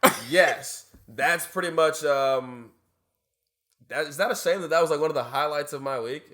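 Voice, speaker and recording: A man's voice: a little high, moderate pace, fairly bright tone. A man hosting a podcast in casual, slangy conversation. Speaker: podcast host. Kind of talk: casual chat.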